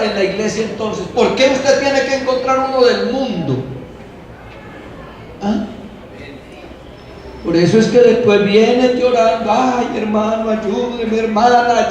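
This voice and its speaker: High-voiced preacher echoing from afar. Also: male voice. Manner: playful, mimics excuses of young people in an exaggerated tone. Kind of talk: lively sermon to a congregation. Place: church hall. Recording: very echoey hall, voice from far off, faint noise.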